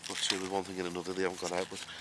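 Outdoors among vegetable beds and a greenhouse, a gardening vlogger speaks in a low, flat tone, pausing and explaining as he works without a script. The recording from his camera microphone carries distinctly noisy ambience, and his distance from it shifts.

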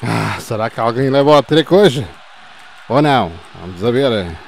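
A man in his fifties with a European Portuguese accent, doing playful football commentary over his own gameplay, yelling goal calls and cheering players on between calm score recaps. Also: medium pitch, normal speed, creaky, a little hiss or hum. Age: 50s. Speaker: gaming channel host.

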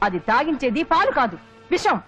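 An actress playing a sharp-tongued, scheming mother who curses bitterly and puts on melodramatic wailing. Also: high voice, very animated, a little fast, music in the background. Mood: venomous. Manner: scolding, melodramatic cursing and fake wailing. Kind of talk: TV serial comedy acting.

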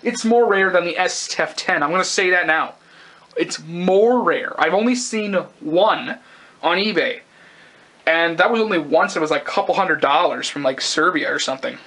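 High-voiced, bright young man, rambling casually. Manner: rambling, halting, casually sweary. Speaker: gas mask collector and reviewer. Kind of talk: casual unscripted product review. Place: indoors, close-up tabletop video.

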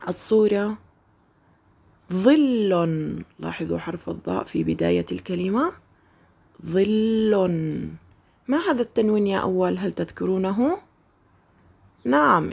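A woman teaching a first-grade Arabic lesson, slowly drawing out each word for the children to repeat. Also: medium pitch, vocal fry, darkish tone, husky. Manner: slow, drawn-out modeling of words for children to repeat.

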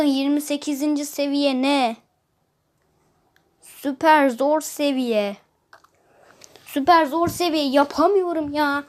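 A woman chatting casually while playing a mobile puzzle game, complaining about hard levels and humming to herself. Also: sits high. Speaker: gameplay streamer. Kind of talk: casual gameplay commentary.

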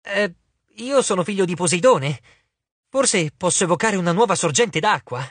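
A man's voice: high voice, lively intonation, normal speed, a bit bright, no room sound. A man voicing a hesitant, awkward teenage boy in an audiobook. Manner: hesitant, hedging. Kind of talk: audiobook character voice.

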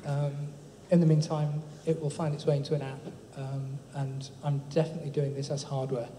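A man's voice: medium pitch, level tone, brisk, dark tone. A man giving an informal, chatty tech talk at a live event, with frequent ums and tag questions. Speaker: speaker presenting a project. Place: large echoey hall. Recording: echoey hall, faint room noise.

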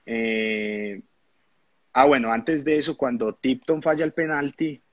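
A man, a former footballer telling animated anecdotes in a casual interview, often laughing and acting out the people he quotes. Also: medium pitch, takes it slowly, no echo, lo-fi sound.

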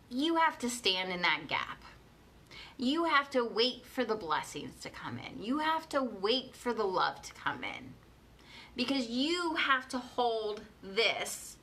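Bright, emphatic woman coach. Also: a little high. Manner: emphatic, repeats phrases for emphasis. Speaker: coach leading an online challenge. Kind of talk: motivational coaching talk to a live online audience. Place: living room at home, indoors.

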